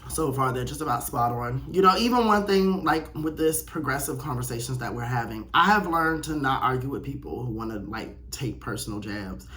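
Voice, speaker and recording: This young man runs a personal video channel, and here he reads aloud and reacts alone with a blunt, slang-heavy, opinionated take. His voice leans high, with a sharp tone.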